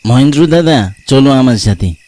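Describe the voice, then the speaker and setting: A man's voice: medium pitch, expressive, moderate pace, warm tone, no room sound, natural voice. A man playing a friendly young village cousin who talks in a casual, teasing way.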